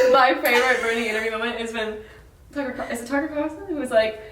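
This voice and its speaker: A woman's voice: high-pitched, expressive, normal speed, fairly bright tone. A woman co-hosting a podcast in a casual chat, making playful joking asides. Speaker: podcast co-host. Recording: echoey room, distant mic.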